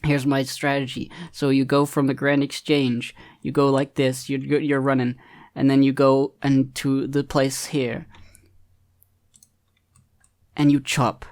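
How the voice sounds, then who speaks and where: A man's voice: medium pitch, completely flat delivery, normal speed, a little mellow. A man giving casual, hesitant commentary over his own gameplay, full of ums and restarts, easily amused at himself. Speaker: gaming video creator.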